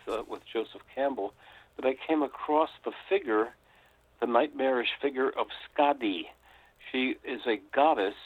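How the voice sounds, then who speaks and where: An older man from the United States, a guest author telling a story reflectively with frequent pauses, heard over a tinny phone line. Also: medium pitch, no room sound. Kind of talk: storytelling interview.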